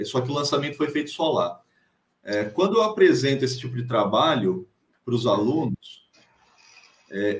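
A Brazilian man, a writer and teacher, answering interview questions casually with many pauses and restarts. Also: mid-range voice, reverberant. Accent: Brazilian Portuguese. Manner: hesitant, many fillers and restarts.

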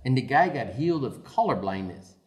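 A man's voice: medium pitch, very animated, fairly quick. A man, a missionary, in a casual conversation, telling stories and acting out the people in them, often saying "you know". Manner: storyteller, acts out the people in his stories, frequent "you know".

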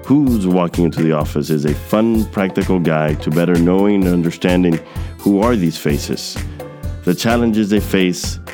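A man's voice: sits low, moderate pace, over music. A young man from Queens, hosting a podcast interview, reading a scripted intro and then talking loosely with many fillers. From Queens, New York. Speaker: podcast host.

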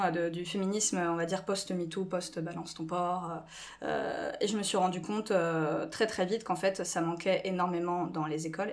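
A woman in her twenties from France, a podcast guest who talks in a lively way with many fillers and gestures a lot. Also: fairly low pitch. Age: 20s. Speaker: guest, school staff member. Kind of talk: casual podcast interview.

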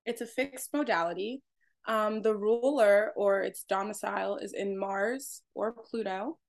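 A woman's voice: medium pitch, measured pace, vocal fry. Hesitant young woman co-host, searching for words. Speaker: podcast co-host. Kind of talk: casual reflective chat.

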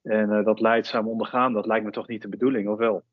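A man's voice: lowish voice, flat delivery, quick pace, slightly rough, dry recording. A man hosting a podcast, asking searching questions in a hesitant way, full of fillers. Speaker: podcast host. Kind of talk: casual podcast interview. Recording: dull, muffled audio.

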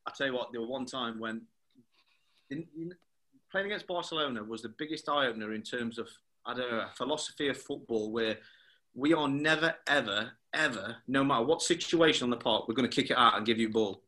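A man, a former footballer being interviewed, who tells stories lively and acts out the dialogue. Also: medium pitch, a little fast. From England. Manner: animated storyteller who acts out quoted dialogue. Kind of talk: anecdotal interview chat.

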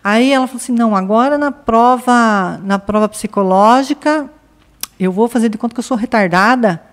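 A woman from Brazil, a podcast guest, telling a family story in a lively way and acting out her relatives' lines. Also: a little high, normal speed. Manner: lively, acts out family members' quoted lines. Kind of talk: casual storytelling in conversation.

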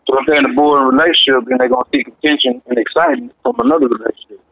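A man's voice: on the high side, big pitch swings, racing, vocal fry, phone-quality sound, slight background noise. A man hosting a casual chat, speaking in slang and explaining or rephrasing what he hears. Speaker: talk show host. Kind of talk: casual conversation.

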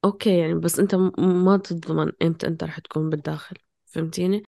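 A woman's voice: lowish voice, steady tone, very fast, creaky, dark tone, dry recording, clean studio sound. A woman talking casually and passionately, questioning herself in fragmented bursts. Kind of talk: casual, impassioned conversation.

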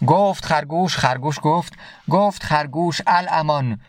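Gravelly man teaching classical poetry. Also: mid-range voice, no echo. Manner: recites verses slowly, then glosses words plainly. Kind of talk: explanatory lesson with slow verse recitation.

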